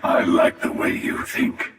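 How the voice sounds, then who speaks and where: A man playing The Hunter, a cynical, menacing older villain in a video game, with a breathy rasp and a slow, sardonic, world-weary delivery. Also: a bit bright, soft background music, some chatter behind. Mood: wry, knowing. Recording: long echoing reverb, distant from mic.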